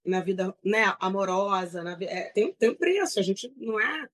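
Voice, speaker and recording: A woman's voice: mid-range voice, moderate pace, poor audio. A woman with a Brazilian Portuguese accent, speaking as an interview guest in a frank, rambling, self-critical way with many restarts. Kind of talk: candid conversational interview.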